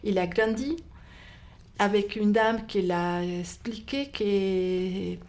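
A non-native French-speaking bookseller, this woman has a mid-range, darkish voice and talks slowly about books in an interview. Her speech is hesitant, full of fillers and restarts.

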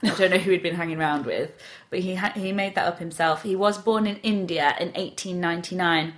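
British woman podcaster, slightly low voice. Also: fairly even intonation, a little fast. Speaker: podcast host. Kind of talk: casual chat and storytelling.

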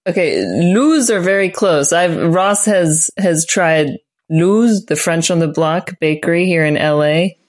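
A woman with a low voice chats casually on a tabletop game podcast. She talks earnestly and with real enthusiasm. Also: a little slow, hardly any pauses. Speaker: player.

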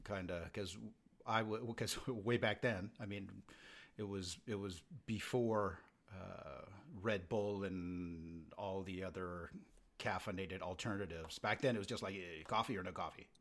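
A man's voice: sits low, unhurried, fairly bright tone. A man in his fifties chatting casually, laughing easily and restarting his sentences. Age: 50s. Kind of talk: casual chat.

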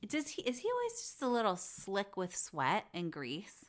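A woman's voice: mid-range voice, huge pitch swings. Gossipy woman ranting about reality TV. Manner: gossipy and opinionated, with quick mocking impressions. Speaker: podcast host recapping reality TV. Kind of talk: casual chat.

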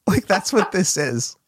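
A man's voice: sits high, breathy edge. A man co-hosting a podcast, chatting casually about films, laughing often and swearing freely. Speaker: podcast co-host. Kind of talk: casual film review chat.

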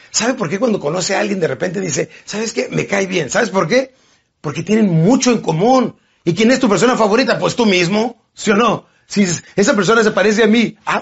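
A man giving an animated motivational seminar talk, slipping into quick character voices. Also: on the high side, gravelly, slightly rough, muffled recording. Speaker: motivational speaker.

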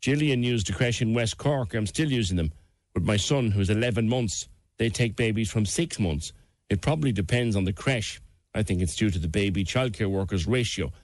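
A man's voice: fairly low pitch, no echo. A middle-aged man with an Irish accent hosting a radio phone-in, chatting and reading out listener messages. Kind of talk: conversational talk radio presenting.

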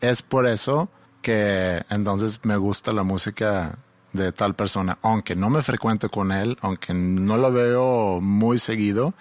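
A man's voice: lowish voice, slow, no echo. Easygoing Mexican man telling stories. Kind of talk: casual chat between friends.

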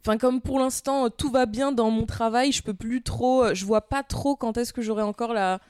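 A woman's voice: fairly high pitch, fairly even intonation, normal speed, a little mellow, clean tone, no echo, clean studio sound. A young woman from Paris, a singer guesting on a podcast, chatting casually and rambling with lots of fillers and restarts. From Paris, France.

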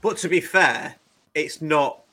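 A man's voice: on the high side, slow, bright, forceful tone. A man hosting a podcast in casual, chatty style. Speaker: podcast host. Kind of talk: casual chat, running through show plans.

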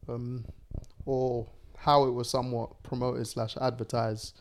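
Young man, London accent, podcast host, casual group chat, laddish slang, medium-pitched voice. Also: level tone, unhurried.

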